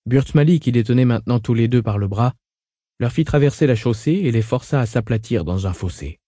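A man narrating a novel as an audiobook, reading in a steady, measured way. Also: mid-range voice, no echo, studio quality.

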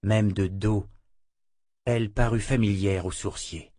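A man narrating an audiobook in a measured, dramatic reading. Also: lowish voice, fairly even intonation, mellow, no room sound, clean studio sound.

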